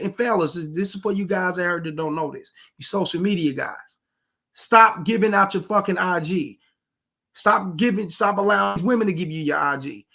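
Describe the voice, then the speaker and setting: Reacting to a street clip, a commentator hands the fellas blunt, profane dating advice. His voice is high-pitched and a bit bright, with vocal fry.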